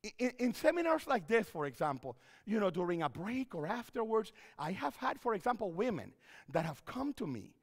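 Animated man preaching in a church. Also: sits high, brisk, long reverb tail. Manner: animated, repeats phrases, wide hand gestures while pacing. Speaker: pastor and counselor giving a seminar. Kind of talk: seminar talk in church. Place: church sanctuary stage.

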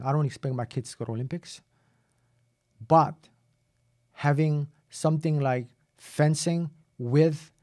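A man's voice: a little high, darkish tone. Chatty, self-mocking male podcast host. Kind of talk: casual interview. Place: home studio with shelves and posters. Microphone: boom studio mic.

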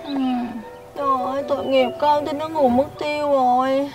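An actress playing a fretful, indignant young single mother who exclaims and protests loudly. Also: high voice, flat delivery, normal speed, close to an everyday voice. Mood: fretting. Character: fretful, indignant young woman raising a baby. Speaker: single mother caring for a baby. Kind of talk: TV drama acting. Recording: loud music score behind.

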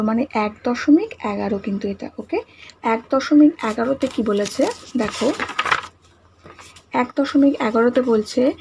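In an online class, a woman teacher with a slightly high voice goes over the answers, speaking softly because talking is hard for her today. She patiently repeats each answer and asks the children questions to check they follow. The recording is low quality with a faint background hum.

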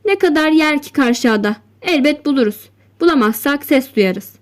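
A woman's voice: high voice, lively intonation, moderate pace. A woman voicing a practical old male fisherman with short, blunt replies in an audiobook story. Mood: matter-of-fact.

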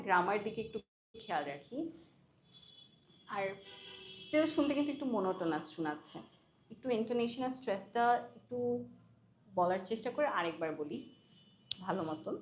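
A woman with a Bangladeshi accent gently coaches a class in spoken English, repeating corrected phrases slowly. Her voice is mid-pitched and carries the echo of a hard-walled classroom, with a faint hum behind it. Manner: patient, corrective, slow model phrases.

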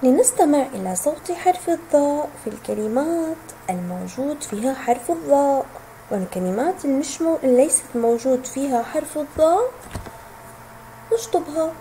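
A woman teaching a recorded lesson for young children. She sounds out letters and words slowly and clearly, and asks questions that she then answers herself. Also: high-pitched, animated, mellow, slight background noise, low-quality recording. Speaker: kindergarten teacher.

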